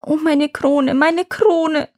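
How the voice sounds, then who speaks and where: A woman's voice: high voice, normal speed, mellow, husky, no room sound, clean studio sound, pitched above the performer's own voice. Woman doing a little curious princess. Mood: sobbing. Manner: eager questioning, sobbing when scared. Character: small curious princess girl, fearful then bold.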